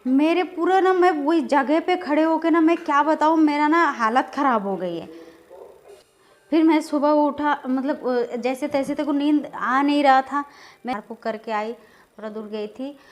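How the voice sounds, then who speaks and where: A woman in her thirties vlogging, telling a personal story in a rambling, hesitant way with many filler words that turns agitated and loud. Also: high-pitched, normal speed. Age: 30s. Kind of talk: casual storytelling vlog.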